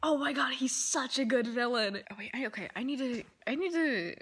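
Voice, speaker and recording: A woman's voice: high-pitched, brisk, fairly bright tone, slightly rough. A woman chatting casually to camera about her reading, effusive and rambling, with a lot of "like" in her speech. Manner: effusive, rambling, uses "like" often. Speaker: book vlogger.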